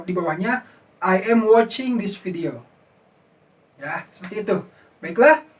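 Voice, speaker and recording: A man's voice: sits high, far from the mic. A man with an Indonesian accent teaching an online English lesson, explaining patiently and running repeat-after-me drills.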